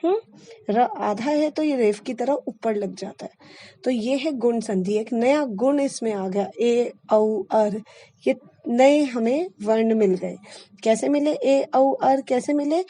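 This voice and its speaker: A woman's voice: on the high side, expressive, takes it slowly, warm tone. A woman teaching a Hindi grammar lesson, explaining step by step and often checking in with her class.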